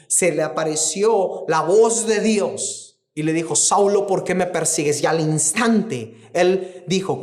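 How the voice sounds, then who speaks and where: A man preaching a sermon as co-pastor, fervent, repeating phrases and slowing down to stress quoted words. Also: on the high side.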